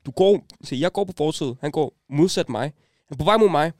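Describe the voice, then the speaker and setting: A man's voice: fairly high pitch, expressive, a little mellow, dry recording, clean studio sound. A young man hosting a casual podcast chat, teasing his friends and mixing English slang into his talk. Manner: teasing, laughs often, mixes English slang. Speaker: podcast host.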